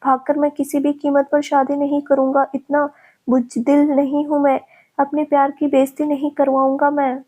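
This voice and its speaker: A woman voicing a calm, protective young man who gently reassures his frightened partner. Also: high-pitched, normal speed, close to an everyday voice. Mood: earnest.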